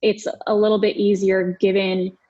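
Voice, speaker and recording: A woman's voice: medium pitch, little pitch movement, normal speed, mellow, muffled recording. A woman talking sports as a podcast guest, explaining her points in an orderly way. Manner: clear, organized explanations. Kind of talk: sports talk.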